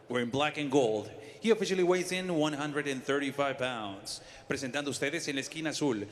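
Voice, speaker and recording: Booming arena ring announcer, man. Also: pushed and bright. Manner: booming, drawn-out name calls. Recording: long reverb of a large arena.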